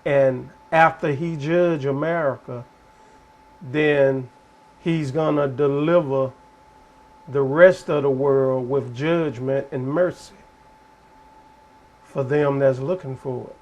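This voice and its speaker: A man explaining prophecy in a casual, sermon-like way. He is earnest and deliberate and keeps repeating phrases. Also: mid-range voice, steady tone, a little mellow, highs cut off. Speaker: prophecy teacher.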